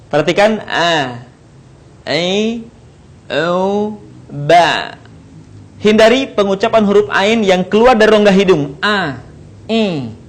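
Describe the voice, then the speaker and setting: A man teaching how to pronounce Arabic letters, explaining slowly and repeating each sound in drills. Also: high-pitched. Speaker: Quran recitation teacher. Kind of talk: slow instructional explanation with recited drills.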